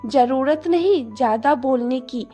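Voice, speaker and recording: A woman voicing a proud, sneering mother-in-law with a sharp, mocking tone. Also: high voice, measured pace, soft background music.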